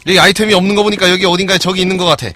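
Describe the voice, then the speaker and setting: A man streaming a game live and commenting as he plays, excitable, swearing and yelling at other players. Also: high voice, rapid-fire, slight background noise.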